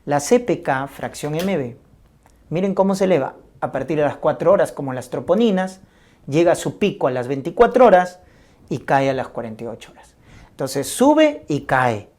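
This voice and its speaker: A woman with a low, mellow voice teaches a medical class. She walks through each point slowly and repeats it. She keeps checking in with her listeners. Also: lively intonation. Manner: didactic, repeats key points with frequent checks like "¿ya?". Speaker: medical lecturer. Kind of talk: medical lecture on ECG and cardiac markers.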